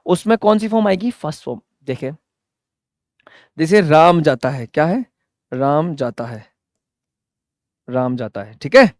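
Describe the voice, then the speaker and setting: High-pitched guy teaching english, loud and lively, quizzes himself, dry close sound. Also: dry recording. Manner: loud and energetic, asks and answers his own questions; drills example sentences slowly word by word. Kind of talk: classroom lesson.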